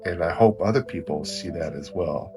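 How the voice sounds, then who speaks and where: This interview show host is a middle-aged Oklahoman whose Okie accent colors his rambling, encouraging conversational style. He speaks at a normal pace in a low voice, with music playing behind him.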